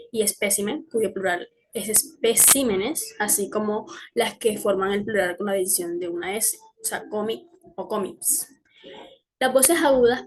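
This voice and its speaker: A young woman with a husky, breathy voice presents to her class. She hesitates often, fills pauses and corrects herself as she goes. Her pitch sits in a middle range. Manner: hesitant, with fillers and self-corrections. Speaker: student presenter.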